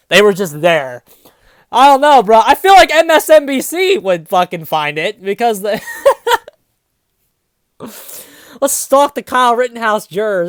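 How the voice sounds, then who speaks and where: Someone in their twenties with a medium-pitched voice reads fan fiction aloud as a reviewer, recorded dry. The dramatic reading keeps getting interrupted by sarcastic, sweary, casual commentary mocking the story.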